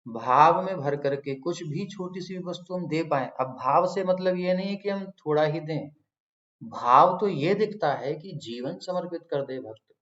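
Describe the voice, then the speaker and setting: A male preacher giving a sermon, explaining and telling stories with emphasis. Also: fairly high pitch. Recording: roomy, dull lo-fi.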